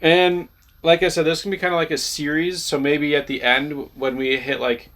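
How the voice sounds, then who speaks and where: A man's voice: on the high side, flat delivery, normal speed, a bit bright. A man co-hosting a collector video in casual chat, rambling and joking, often trailing off. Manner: rambling, jokey, trails off with "I don't know". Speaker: collector channel co-host.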